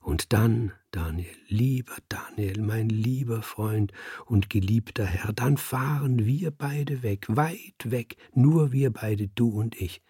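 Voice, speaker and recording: A sly scheming tomcat with a husky, gravelly voice, put on by a man reading an audiobook. He coaxes and insinuates, pitched a little low. The sound is close and dry. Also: warm tone, no echo, heavily acted. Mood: coaxing. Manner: coaxing, insinuating. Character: scheming male house cat, sly adviser.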